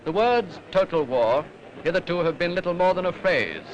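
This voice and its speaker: A man's voice: high voice, animated, moderate pace, dull audio, slight background noise. A British man narrating a 1940s newsreel in a formal, declamatory manner, on an old film soundtrack. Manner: formal, rhetorical, declamatory delivery.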